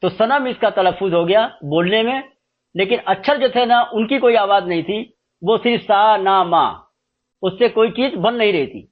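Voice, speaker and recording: A man giving a slow, explanatory spoken lesson, spelling out letters one by one. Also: sits high, phone-quality sound. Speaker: teacher. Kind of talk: spoken lesson on script and pronunciation.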